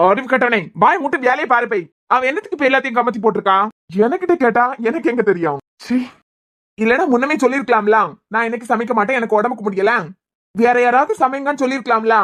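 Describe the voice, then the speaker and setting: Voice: medium pitch, fast, a bit bright, natural voice. Grumbling cartoon family man, as someone voices him. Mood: teasing. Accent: Kanyakumari Tamil. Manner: grumbling, needling banter. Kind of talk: cartoon web series dialogue.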